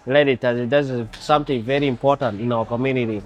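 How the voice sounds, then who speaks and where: A young man answering interview questions in a halting way, restarting phrases. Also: mid-range voice, steady tone, highs cut off. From Australia. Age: young adult. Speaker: conference attendee.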